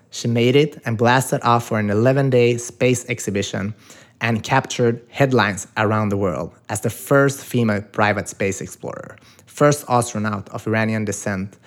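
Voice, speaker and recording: Enthusiastic male podcast host. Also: mid-range voice. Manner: enthusiastic, admiring. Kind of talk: interview hosting.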